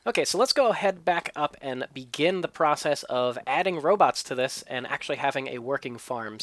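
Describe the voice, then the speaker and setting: A man with a slightly high voice hosts a let's play, explaining and thinking aloud about what he builds and tests as a gameplay commentary and tutorial. A cold leaves him a little stuffy, and there's no room sound.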